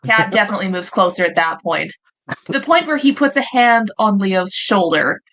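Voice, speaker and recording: A woman playing a tabletop game, quick and joking with the table. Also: mid-range voice, animated, a bit bright. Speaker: player. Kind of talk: casual game chat.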